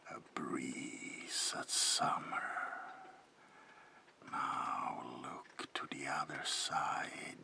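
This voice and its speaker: Heavily acted and bass-voiced, a man plays a predatory vampire baron in a whispered ASMR roleplay, courtly, slow and theatrical, with a breathy, gravelly whisper and softly menacing politeness. He sounds coaxing and hungry.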